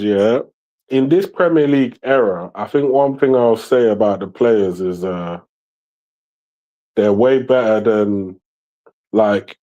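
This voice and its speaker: Slow, mellow-voiced man commentating a watchalong. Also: medium pitch, muffled recording. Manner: slow, hesitant, many fillers; talks while eating. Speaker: watchalong streamer. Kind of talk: casual live match commentary.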